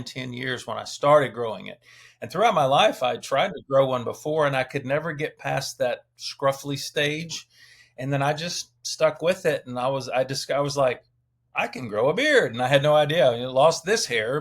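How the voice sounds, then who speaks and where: A man's voice: mid-range voice, vocal fry. A middle-aged man in casual conversation as a guest, speaking in a thoughtful, talkative way.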